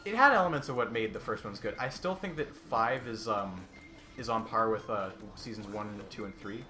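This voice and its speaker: A young man casually chatting while playing a video game, swearing loudly when he fails. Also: fairly low pitch, expressive, normal speed, soft background music. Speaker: let's play gamer. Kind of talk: casual gaming chat.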